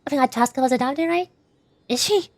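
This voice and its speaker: A woman with a high-pitched, brisk voice streams a game, chatting casually, reading game dialogue aloud, and often wondering aloud in questions. The recording is dry.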